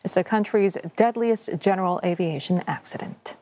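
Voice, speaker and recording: A woman's voice: fairly low pitch, dark tone. Woman reading the news. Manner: crisp, measured delivery. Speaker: news anchor.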